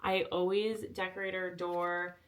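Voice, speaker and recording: A woman vlogger talking casually through her packing list, with a flat, monotone delivery and lots of filler words. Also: lowish voice, unhurried. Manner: self-described monotone delivery; chatty, filler-heavy.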